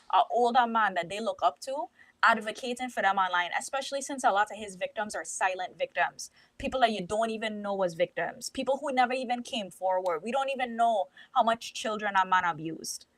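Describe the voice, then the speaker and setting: A woman's voice: fairly high pitch, fairly bright tone, dry recording. A young woman co-hosting a podcast, talking earnestly and opinionated, telling stories from her own life. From Caribbean. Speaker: podcast co-host. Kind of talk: casual podcast discussion.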